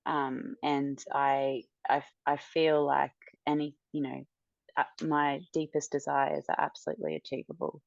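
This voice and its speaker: A woman speaks as a podcast guest in a low, flat, gravelly voice, stopping and restarting with many fillers. The sound is dry and slightly dull, with no room echo. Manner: hesitant, halting, many fillers, soft. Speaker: coaching client and podcast guest. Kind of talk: podcast interview testimonial.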